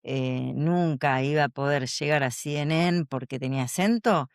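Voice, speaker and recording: A woman, a communication coach answering interview questions in an animated, storytelling way. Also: low-pitched, moderate pace, no room sound, clean studio sound.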